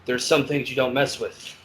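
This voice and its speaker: A man on a podcast telling stories of his years as a corrections officer, in a blunt, profane, animated way. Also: mid-range voice, a little slow, crowd noise, poor audio. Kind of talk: casual storytelling chat.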